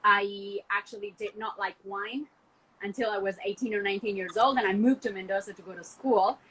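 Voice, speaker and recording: A woman's voice: mid-range voice, fairly even intonation, brisk, a bit bright, slight background noise, poor audio. A young woman from Argentina, a wine export manager, talking about wine on a casual podcast call, gushing and full of "like" fillers. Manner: enthusiastic, chatty, many "like" fillers. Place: home, from a window view of the city.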